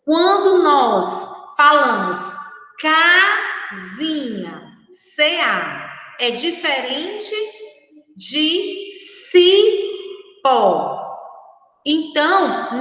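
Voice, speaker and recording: A middle-aged woman teacher giving a slow, patient lesson to young children, spelling out syllables one by one. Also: sits high, bright, forceful tone. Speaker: primary school teacher. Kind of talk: recorded classroom lesson for children. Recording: echoey room, mic far off.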